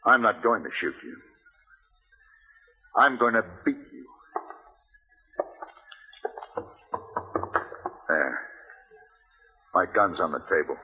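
A man playing a stern, relentless gunfighter in an old radio Western, speaking with deliberate menace. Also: sits low, sing-song, faint music behind. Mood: cold menace. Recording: muffled reverberant vintage radio recording.

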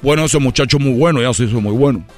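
A man telling a comic story and acting out characters with sudden high shouts. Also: racing, faint music behind.

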